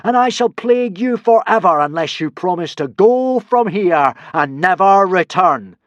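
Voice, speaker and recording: Man doing a boy playing a thunder god: booming, solemn, grand, raised pitch, dry sound. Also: lively intonation, unhurried, dry recording, muffled recording.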